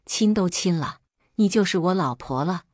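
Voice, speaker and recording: A woman's voice: lowish voice, lively intonation, moderate pace, a little mellow, no room sound, clean studio sound. A woman voicing a teasing young man who is doting and smug, speaking in a playful, coaxing way.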